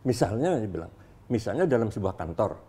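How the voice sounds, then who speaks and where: A man who teaches acting speaks as a guest on a studio talk show. His voice is mellow and dark. He explains patiently and breaks into short acted-out examples. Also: lowish voice, very animated, a little fast, breathy edge.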